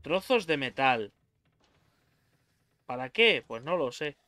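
A man's voice: medium pitch, very animated, slow, pushed and bright, no room sound. A young man with a Spain Spanish accent doing let's play commentary on a horror game, swearing freely and yelping in fright. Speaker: gaming YouTuber.

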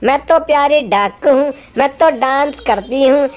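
Woman doing a sweet little toy duck, high and chirpy, sing-song, kids toy video. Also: measured pace. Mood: cheerful. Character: cute little female toy duck, cheerful. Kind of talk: playing with toys for kids.

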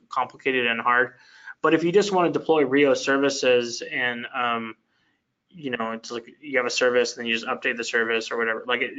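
Over dull, lo-fi video-call audio, a software engineer presenting a product answers technical questions in a web meeting. His mid-range voice has a sharp tone, and he rambles with plenty of fillers and restarts.

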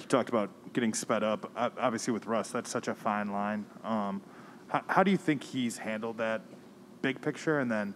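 Man reporter, low voice, distant off-mic, hesitant with pauses. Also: slight background noise. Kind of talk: press conference question.

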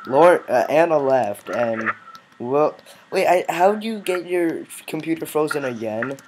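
A man's voice: on the high side, animated, a little slow, background noise. A male gaming host giving casual commentary on a game with friends, teasing and bossy, often breaking into laughs.

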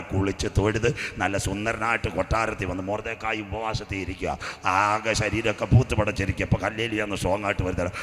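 Pentecostal preacher man in a reverberant hall. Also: fairly low pitch. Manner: storytelling with comic asides, often calling "praise the Lord"; rising into loud fervent preaching. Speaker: pastor. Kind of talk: sermon.

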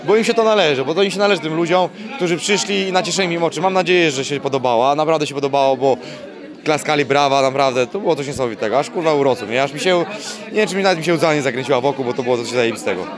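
With a fairly high voice and an extremely fast delivery, a young fighter gives a casual post-weigh-in interview, cursing bluntly and saying the same things over and over. Loud crowd chatter fills the busy indoor press wall as the interviewer holds a handheld mic to him.

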